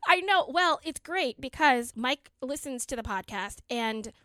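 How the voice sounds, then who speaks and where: A woman's voice: high-pitched, expressive, unhurried, bright, forceful tone, no room sound, studio quality. A woman hosting a podcast, chatting casually with her guest in an enthusiastic, talkative way. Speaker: podcast host. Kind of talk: casual interview chat.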